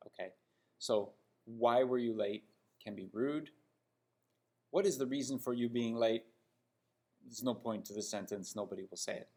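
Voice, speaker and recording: With a darkish, medium-pitched voice and a Canadian accent, a man from Toronto teaches English by critiquing example sentences. His style is emphatic and didactic, with regular check-in questions to listeners.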